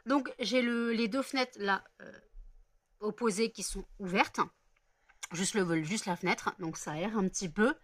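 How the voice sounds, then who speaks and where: A woman talks casually through a home vlog, rambling and correcting herself as she goes. Her voice sits at an ordinary pitch. The recording is close and dry, with no room sound. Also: a little slow, no room sound. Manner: rambling, many fillers and self-corrections. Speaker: vlogger. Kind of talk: casual daily vlog chat.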